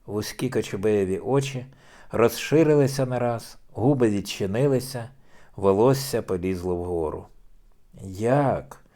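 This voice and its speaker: A man narrating an audiobook in a measured, dramatic way. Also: lowish voice, mellow.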